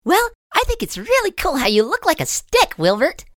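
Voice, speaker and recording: Man doing a quick, jittery girl squirrel. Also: extremely high pitch, wildly swooping pitch, fairly bright tone, dry recording, clean studio sound, pitched above the performer's own voice, heavily acted. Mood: eager. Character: smiling jittery little female squirrel.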